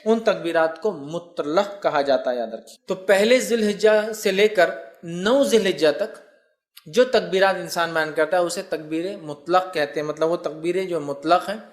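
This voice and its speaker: A man giving a religious lecture as a preacher. He explains step by step, recites Arabic phrases and asks the listeners rhetorical questions. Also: sits high. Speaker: Islamic preacher.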